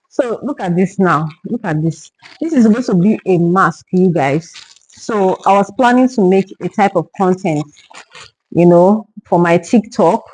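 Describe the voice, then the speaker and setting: A woman's voice: fairly low pitch, dark tone, dry recording, rough recording. A young woman from Nigeria reviewing a haul to camera in casual talk, exasperated and stumbling over repeated words when upset. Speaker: vlogger.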